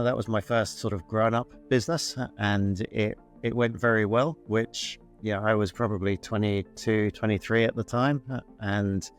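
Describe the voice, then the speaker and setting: Low-voiced chatty entrepreneur man. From born in New Zealand, grew up in the UK. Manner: self-deprecating, loose and chatty with many fillers and restarts. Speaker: guest entrepreneur. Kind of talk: conversational interview answer.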